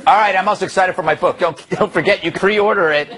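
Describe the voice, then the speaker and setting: A male talk show host trades sardonic jokes with his panel in a studio. His voice sits high for a man. He keeps the banter moving between quips and plugs. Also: quick pace, fairly bright tone, a little hiss or hum. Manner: sardonic, joking. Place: television studio.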